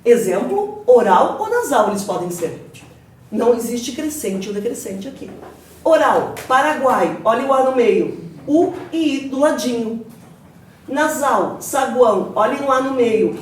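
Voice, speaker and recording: A woman's voice: on the high side, lively intonation, unhurried, a little mellow, a little hiss or hum. A Brazilian woman teaching an exam-prep grammar lecture to a class, firing questions and drilling answers in call-and-response. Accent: Brazilian Portuguese. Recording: echoey classroom, mic at a distance.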